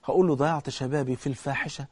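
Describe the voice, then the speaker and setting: A man voicing a frightened young sinner who quietly questions himself in remorse. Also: mid-range voice, fairly even intonation, racing, breathy edge, dry recording, pitched below the performer's own voice, natural voice. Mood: remorseful.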